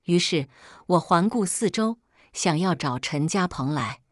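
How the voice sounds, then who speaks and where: Expressive woman narrating a story, low-pitched. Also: a little slow, no echo, clean studio sound. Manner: expressive, lively first-person storytelling.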